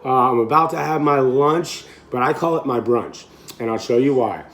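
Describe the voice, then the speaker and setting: A man in his thirties with a raspy, throaty voice, hoarse from a recent illness, chatting casually and off the cuff to camera as a fitness vlogger. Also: medium pitch, normal speed, fairly bright tone. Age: 30s. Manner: informal, rambling, unscripted. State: hoarse, getting over being sick.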